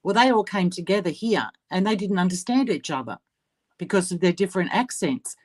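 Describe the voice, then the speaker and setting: Brief: woman from Sydney, Australian accent, lower pitch, loose conversational rambling, casual craft chat. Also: animated, brisk. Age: older. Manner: rambling, searches for words. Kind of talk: casual live-stream chat.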